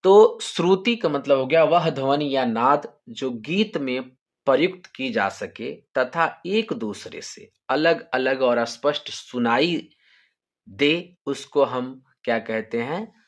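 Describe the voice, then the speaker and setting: A man teaches music theory with a harmonium beside him, in a voice of ordinary middle pitch. He explains slowly and patiently, repeating each point and checking that the listener follows. The harmonium can be heard in the background. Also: lively intonation. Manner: sings sargam syllables louder as examples. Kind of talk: harmonium tutorial.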